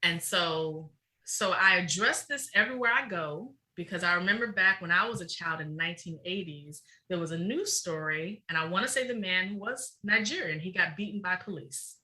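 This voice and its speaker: With a fairly low, pushed and bright voice, a middle-aged woman speaks as a guest researcher in a podcast interview. She is emphatic and passionate, talking rapidly, though the audio is poor.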